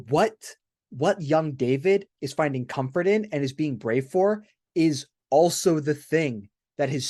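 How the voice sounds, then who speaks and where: A man's voice: a little high, darkish tone. A man co-hosting a podcast, talking casually and enthusiastically, restarting often and checking in with "right?". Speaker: podcast co-host.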